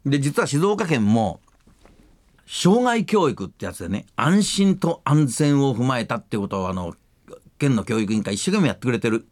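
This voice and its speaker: An older man hosting a radio talk show, telling long rambling stories in rough, casual speech that livens up at the funny parts. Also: mid-range voice, big pitch swings, normal speed, dry recording.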